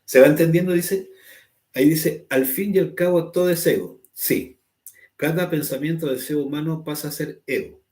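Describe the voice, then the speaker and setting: In an echoey room, a man with a slightly high, somewhat mellow voice leads an online spiritual course at a moderate pace. Explaining things patiently, he dramatizes angry quotes and keeps asking his listeners "¿cierto?", meaning "right?".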